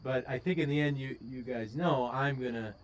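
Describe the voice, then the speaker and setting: A man's voice: medium pitch, steady tone, normal speed, dull audio, a little hiss or hum. A man with a Wisconsin accent hosting a casual live stream, rambling with plenty of ums and uhs. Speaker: host.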